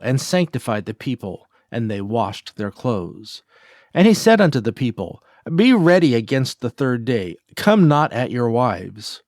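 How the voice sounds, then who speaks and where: Male scripture reader, mid pitch, solemn measured delivery, dry close recording. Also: no echo.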